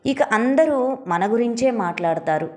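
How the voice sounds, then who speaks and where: A woman's voice: a little high, lively intonation, unhurried. A woman voicing a stern proud mother. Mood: sorrowful. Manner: stern, sharp, turning tearful. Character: proud middle-aged mother, stern but grieving. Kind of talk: storybook dialogue reading.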